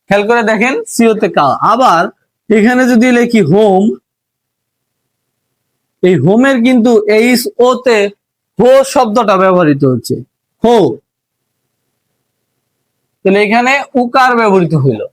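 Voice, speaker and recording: An English teacher with a Bangladeshi Bengali accent gives a spoken language lesson in a high-pitched, animated voice at normal speed, leaving long pauses. He explains patiently, repeats his points, and asks rhetorical questions, and the recording has no echo.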